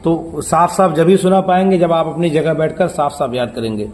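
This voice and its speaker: A man's voice: a little high, a little mellow. A man teaching children to pronounce letters for Quran reading, patient and repetitive, often quizzing them with short questions.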